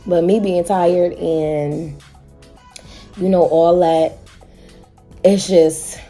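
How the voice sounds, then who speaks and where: Young kentucky woman, thick country twang, talks fast and laughs a lot, echoey room w faint music. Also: on the low side, steady tone, mellow. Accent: Kentucky Southern. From Kentucky, USA. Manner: fast-talking, chatty, laughs often. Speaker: vlogger. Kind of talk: casual vlog chat.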